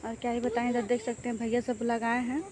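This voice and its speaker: A woman's voice: a little high, completely flat delivery, fast talker, crowd noise. A woman in her thirties with a Bhojpuri-tinged Hindi accent, chatting casually in a vlog, outdoors at a village home, recorded on a phone. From eastern Uttar Pradesh, India. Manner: chatty, repeats "what to say" often. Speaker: vlogger.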